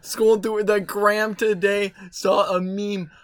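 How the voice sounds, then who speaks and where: A man's voice: high voice, little pitch movement, slow pace. A young man hosting a casual podcast, telling work stories in a rambling way with laughs. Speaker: podcast host. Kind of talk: casual chat.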